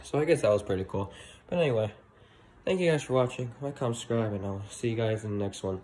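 A teenage boy vlogs casually at night, holding his phone at arm's length while wandering a mall. His voice is on the low side and fast, his rambling loose and filler-heavy with upbeat sign-offs, while steady outdoor noise runs beneath the poor audio.

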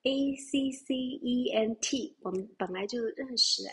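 A woman's voice: a little high, a little slow, a bit bright, husky. A woman teaching English vocabulary, explaining words and spelling them out letter by letter. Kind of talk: vocabulary lesson.

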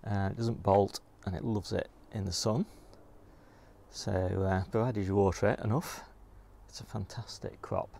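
A gardener with a low, gravelly, warm voice leads a tour of his home garden, narrating casually and without a script as he walks. He speaks steadily and a little slowly, and clear outdoor background noise is present.

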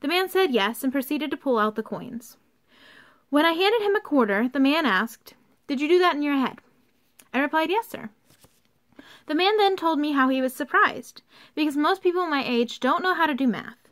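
A young woman giving an earnest, somewhat halting rant to camera from a basement, partly reading from her notes. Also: sits high, lively intonation, a bit bright. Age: young adult. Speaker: vlogger. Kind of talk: informal video rant, partly read from notes. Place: unfinished basement used for storing workout equipment.

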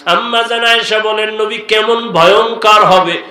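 Preaching in a high, steady voice that sounds pushed and bright, this man exhorts his audience emotionally and stretches his calls into long, melodic chanting. His sermon comes through amplified and echoing.

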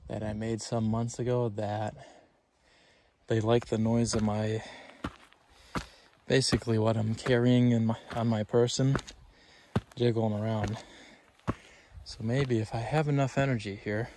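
Soft-spoken man narrating a trail walk. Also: on the low side, level tone, slight background noise. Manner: soft, rambling and unhurried. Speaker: ASMR host. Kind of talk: casual walking narration. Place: outdoors on a forest trail.

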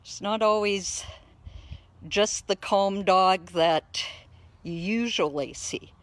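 A woman's voice: mid-range voice, slow, dry recording. A woman, a therapy dog handler, chatting to viewers in a casual live stream while she plays with her dog outdoors in a backyard.

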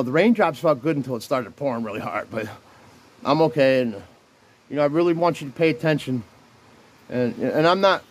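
Riding his bicycle outdoors in the rain, a man in his fifties with a medium-pitched voice vlogs a rambling religious talk to camera on a handheld phone. His delivery is earnest and rough-spoken with many restarts, while wind noise and rain hit the phone mic.

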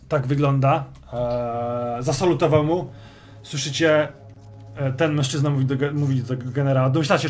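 A man's voice: mid-range voice, darkish tone. A man acting as game master, casually describing the scene to his players in the second person, loose and hesitant. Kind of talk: casual narration of a tabletop role-playing game.

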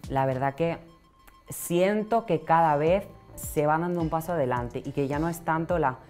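Catalan girl in her 20s, super deep voice, thoughtful, stumbles on words a bit, lapel mic in a studio. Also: normal speed, a little mellow, soft background music. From Catalonia, Spain. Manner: earnest, reflective, repeats words when searching. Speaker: pageant winner guest. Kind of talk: casual interview answers. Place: small TV studio set, indoors.

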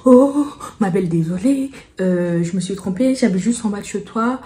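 A woman's voice: medium pitch, expressive, normal speed, mellow, a little hiss or hum, close to an everyday voice. A woman imitating an overly sweet young female neighbor who speaks in a fake-friendly, apologetic way. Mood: sugary apologetic.

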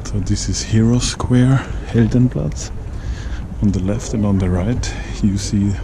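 A man guiding a walking tour, pointing out sights at a leisurely pace with frequent pauses. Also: fairly low pitch. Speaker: city tour guide. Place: outdoors on city streets and squares. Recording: outdoor recording with traffic noise. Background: street ambience and passing traffic.

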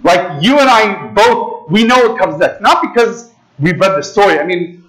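In a large, ornate church, a priest in his thirties with a strikingly high voice preaches to a seated congregation like he's chatting with friends, gesturing freely and dropping in "right?" and "okay?" often. The American speaks at normal speed with lively intonation and a fairly bright tone. A distant camera catches him at the lectern in low-quality audio.

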